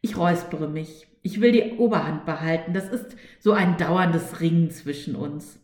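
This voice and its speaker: A woman reading a short story aloud in a calm, wry, measured way. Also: deep voice. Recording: echoey room.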